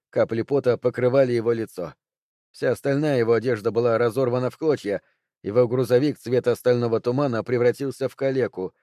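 A man narrates a thriller audiobook in a steady, tense reading voice. His pitch sits in the middle of the male range. The recording is dry, with no room sound. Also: dry recording.

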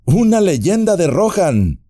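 A man's voice: mid-range voice, very animated, a little slow, warm tone, no room sound, clean studio sound, pitched above the performer's own voice. A man voicing an eager, wistful male elf in an audiobook, speaking in a lifted, lyrical way.

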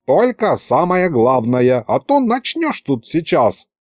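A man voicing a calm, crafty old grandfather who drawls in folksy speech. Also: fairly high pitch, slow pace, no echo, studio quality, exaggerated voice.

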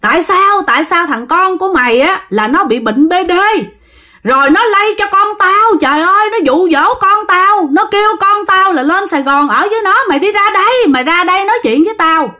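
A woman with a Southern Vietnamese accent voicing a furious middle-aged father who yells and scolds harshly. She shouts his lines in a strained, raised voice while telling a spoken story. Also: on the high side, lively intonation, slow pace, few pauses, full character voice. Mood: enraged.

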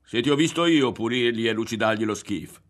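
A man reading a novel aloud and voicing a group of burly young rowers who badger and shout. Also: medium pitch, brisk, lightly acted. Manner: loud, badgering. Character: crowd of burly, aggressive young male rowers.

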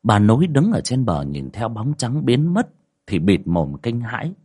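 A man's voice: moderate pace, slightly rough. A man narrating a spoken ghost story in a dramatic way. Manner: dramatic, lively pitch.

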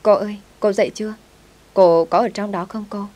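A woman's voice: medium pitch, fairly even intonation, a little fast, dark tone, lightly acted. A woman voicing a timid, devoted young servant girl who speaks politely and pleads with her master. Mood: alarmed.

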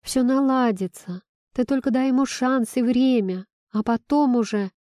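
A worried young woman on the verge of tears, begging her best friend to stay, as a woman narrator voices her. Her lines sit a little higher and come slower than the narration, in a mellow, soft tone. The sound is dry and close. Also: no echo, lightly acted. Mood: tearful, begging. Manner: pleading, near tears.

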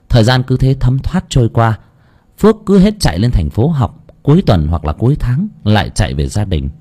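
A man's voice: mid-range voice, dark tone, husky. A man narrating an audiobook story expressively.

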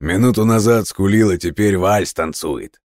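A man voicing a proud man who teases in a slow, wry way. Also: low voice, a little mellow, no room sound, studio quality, voice pushed up, lightly acted.

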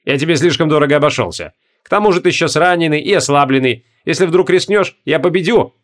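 A man's voice: on the high side, fast, natural voice. A man voicing a big lazy jovial sorcerer. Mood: teasing. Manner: lazy, grinning banter. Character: big jovial male sorcerer, mocking friend.

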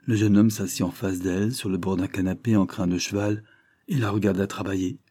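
A man's voice: low voice, fairly even intonation, a little fast, mellow, no echo, clean studio sound. A man reading a novel aloud as scripted narration, lifting his voice for dialogue. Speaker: audiobook reader.

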